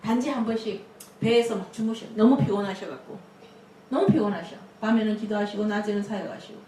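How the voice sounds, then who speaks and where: A woman pastor preaching a lively sermon, laughing often and acting out quotes. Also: medium pitch, a little fast, slight background noise. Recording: echoey room, mic at a distance.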